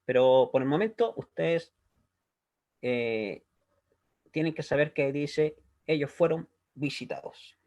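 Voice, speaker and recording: A man teaching a language lesson at a slow, unhurried pace. His voice sits a little higher than most men's. He explains patiently and keeps checking that his students are following. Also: a little mellow. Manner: patient, checks understanding with a frequent "¿ya?". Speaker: Hebrew teacher.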